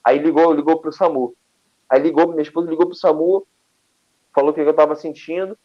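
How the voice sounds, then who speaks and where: Animated Rio man telling a story. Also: on the high side, a little fast, dull audio. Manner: animated, acts out quoted dialogue, many restarts. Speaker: guest telling a personal story. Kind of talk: casual storytelling.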